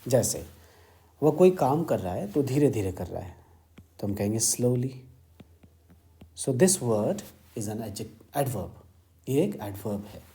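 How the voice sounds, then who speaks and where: Indian male grammar teacher, mellow tone, steady explaining lecture. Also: mid-range voice. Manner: explains word meanings slowly, switching between Hindi and English.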